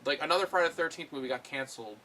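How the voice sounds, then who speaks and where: A man's voice: a little high, racing, bright, forceful tone, a little hiss or hum. A man giving a casual, rambling film review, full of fillers and blunt swearing. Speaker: movie reviewer.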